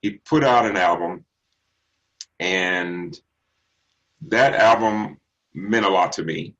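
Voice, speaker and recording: Here a Texan singer of middle age, with a bass baritone range, takes interview questions as a guest, musing unhurriedly and stumbling into ums and fresh starts. He sounds a bit bright, but the recording is muffled.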